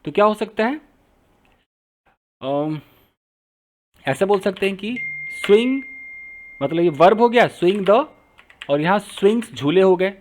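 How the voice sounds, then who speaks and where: Lively high-voiced male teacher. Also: measured pace, long pauses, a little hiss or hum. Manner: explains step by step, repeating phrases while typing. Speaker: English teacher. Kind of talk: Hindi-medium writing lesson, translating sentences.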